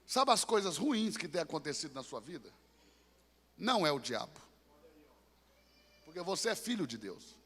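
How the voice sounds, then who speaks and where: A man preaching a dramatic sermon, swinging from hushed asides to shouted climaxes. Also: a little high, very animated, normal speed, pauses often, breathy edge. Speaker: pastor. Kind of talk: impassioned sermon. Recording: long church-hall reverb.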